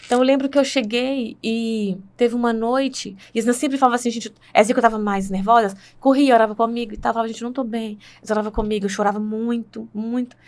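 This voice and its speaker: High-voiced Brazilian woman telling her testimony. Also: fairly even intonation, fast talker, few pauses. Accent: Brazilian Portuguese. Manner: earnest storytelling, frequent tag questions. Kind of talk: personal testimony in conversation.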